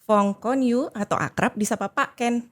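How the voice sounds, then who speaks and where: Female podcast host, Indonesian native speaker; welcoming, prompts guests with soft questions. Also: on the high side, moderate pace. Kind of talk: friendly interview hosting.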